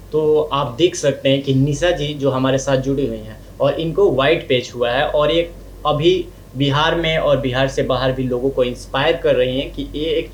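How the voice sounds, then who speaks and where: Male interviewer in an echoey room. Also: mid-range voice. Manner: affirming, frequent "बिल्कुल" and "okay" acknowledgements. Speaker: host and interviewer. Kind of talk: conversational interview. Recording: echoey room with faint noise.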